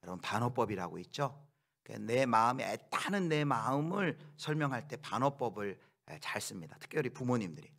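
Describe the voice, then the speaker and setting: Korean-speaking pastor preaching with dramatic swings. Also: male voice, mid-range voice, animated, brisk. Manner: preaching with acted quotes and sudden loud outbursts. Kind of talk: sermon.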